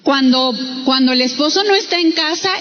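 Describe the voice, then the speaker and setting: A woman preaching a sermon in a church hall, slow and emphatic, often asking the congregation questions. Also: sits high, a little hiss or hum. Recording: dull sound with long hall reverb.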